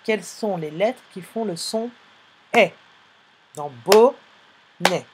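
Over a noisy background, a woman with a mid-range voice runs a live online phonics lesson for young children. She talks slowly and clearly, patiently sounding out letters and spelling them.

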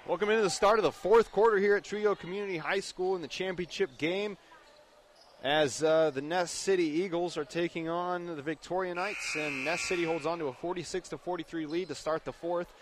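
Calling a basketball game live on radio, this young adult announcer has a high-pitched, steady, brisk voice. The recording comes from an indoor high school gym, where clear game noise and a bouncing ball sit behind his commentary.

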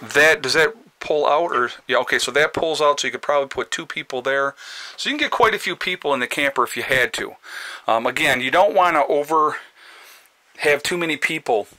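A man's voice: on the high side, fairly quick, sharp tone, dry recording. Man giving a rambling camper tour. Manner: loose, rambling, addresses viewers directly. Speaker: homestead vlogger. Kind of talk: casual walkthrough chat. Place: outdoors by a camper, then inside it.

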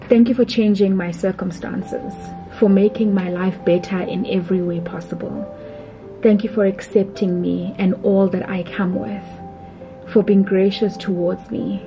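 South African woman vlogger, lower voice, heartfelt prayerful voice-over, muffled lo-fi recording over music. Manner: slow, tender and prayerful. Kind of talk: heartfelt anniversary letter read as voice-over. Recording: dull voice-over under loud music.

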